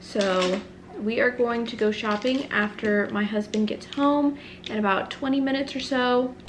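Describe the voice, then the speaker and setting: A woman's voice: fairly high pitch, unhurried, a little hiss or hum. Chatty young woman vlogging at home. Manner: chatty, rambling, with fillers and self-corrections. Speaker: family vlogger. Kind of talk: casual vlog chat. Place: home bedroom, then kitchen.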